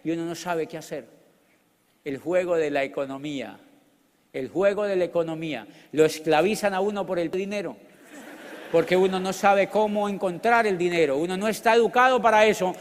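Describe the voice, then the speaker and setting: A middle-aged man with a Colombian accent, a motivational speaker telling his story in an animated, joking way with loud outbursts. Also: high-pitched, normal speed. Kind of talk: storytelling business talk. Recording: long hall reverb.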